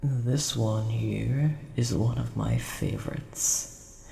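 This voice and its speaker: In a scripted audio roleplay addressed to the listener, a man voices a huge, ancient, nerdy dragon who collects coins, gentle, scholarly and formal. His mid-range voice is slow with vocal fry, rambling unhurriedly in a dark, relaxed, storyteller's tone, fond and wistful. The sound is roomy and echoing with faint background noise.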